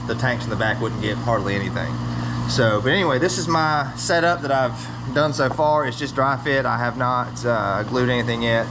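A man of middle pitch chats loosely through a how-to vlog, filling gaps with ums as he points things out and urges viewers to follow his tips. He's recorded on a small camera in a room full of tanks, with a clear steady hum of pumps and air conditioning underneath. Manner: relaxed, rambling, lots of ums, eager tips to viewers. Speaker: hobbyist showing his aquarium build.

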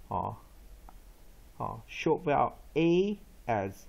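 A man teaching English pronunciation, repeating example words slowly and emphatically and dropping short filler particles between phrases. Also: mid-range voice, sing-song, gravelly, darkish tone, highs cut off. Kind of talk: pronunciation lesson.

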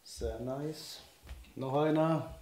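An upbeat outdoor and shooting sports vlogger, a man, does a casual unboxing full of enthusiastic chatter and frequent laughs. His slightly hoarse voice sits on the high side with a darkish tone, and he speaks extremely slowly. He faces the camera from a wooden table in an indoor room that echoes, with faint noise.

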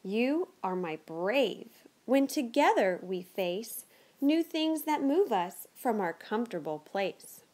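With a voice on the high side, a thirtysomething woman slowly presents and reads picture books to little ones. Her delivery is lively and deliberately over the top, pitched to hold a young audience.

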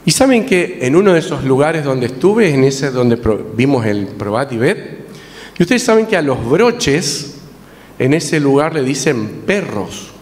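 Lively storyteller man in a church hall. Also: mid-range voice. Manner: lively, coaxes the audience to repeat lines. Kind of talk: interactive children's story talk. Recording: distant voice in a reverberant hall with faint noise.

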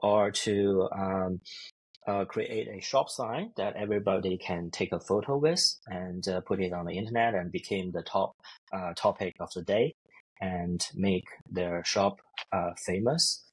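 A man in his thirties explaining ideas haltingly in an online interview, often repeating words. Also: deep voice, slightly rough, poor audio. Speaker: researcher guest. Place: indoors, book-lined room. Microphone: earbuds on a video call.

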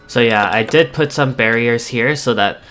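A man's voice: medium pitch, normal speed, a bit bright, slight background noise. A man hosting a let's play, casually talking through the changes he made to his build, step by step. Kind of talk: casual gameplay commentary.

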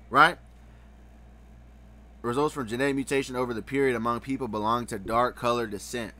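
A man's voice: medium pitch, sharp tone. A man reading web search results aloud and commenting on them in a casual way, often adding "right?" after his points. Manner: reads aloud, then comments with frequent "right?". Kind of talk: casual screen-share commentary.

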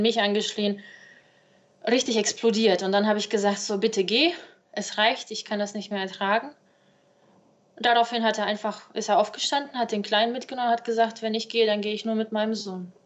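A woman's voice: mid-range voice, fairly even intonation, normal speed, dull audio. Young woman giving earnest interview testimony. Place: indoor living room.

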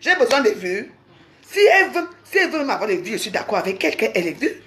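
A woman's voice: medium pitch, very animated, fast talker, sharp tone. A woman from Cameroon, ranting angrily on a home live stream, scolding and repeating herself. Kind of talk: angry live-stream rant. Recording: roomy echo.

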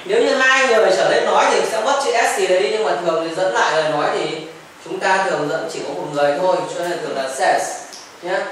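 A man's voice: high-pitched, quick pace, fairly bright tone. A male teacher giving a patient classroom grammar lesson, repeating examples and mixing in English phrases. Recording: echoey classroom from far off, faint noise. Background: children chiming in.

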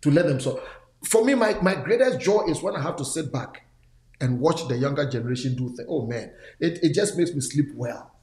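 A pastor in his sixties leads a talk show indoors on a studio set, his voice on the high side with lively intonation and a slightly mellow, reverberant quality. He talks a little fast, mentoring conversationally, repeating words for emphasis and egging his audience on.

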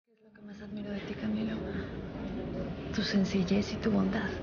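A young woman playing a gentle, earnest mother in love in a soap opera, with a sincere, tender way of talking. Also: medium pitch, little pitch movement, normal speed, vocal fry, dull audio, heavy background noise, natural voice. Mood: tender, reassuring. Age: young adult.

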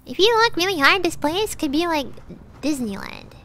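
A woman's voice: very high-pitched, lively intonation, normal speed, a bit bright. A young woman streaming a game with a stuffy nose, bubbly and thanking viewers over and over with bits of Japanese. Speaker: livestreamer. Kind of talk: casual gaming livestream.

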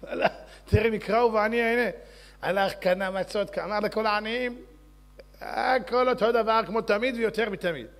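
A man, a rabbi, telling a story in a lesson, dramatic and animated. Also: high voice, gravelly. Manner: animated, dramatic storyteller who acts out characters.

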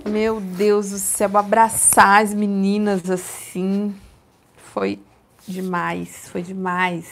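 A woman's voice: mid-range voice, level tone, takes it slowly. Woman chatting on a coloring live, talks viewers through her pencils. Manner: chatty, explains what she is coloring and with which pencils. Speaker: livestream host coloring a book. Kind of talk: casual livestream chat.

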